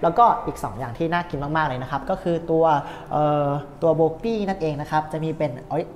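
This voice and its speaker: A man's voice: a little high, quick pace. A young man with an upbeat, polite tour-guide manner walks through a cafe, chatting casually to the camera. His voice sits close on a clip-on lapel mic, with a faint hum of background noise. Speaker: host. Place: indoor cafe in an old shophouse.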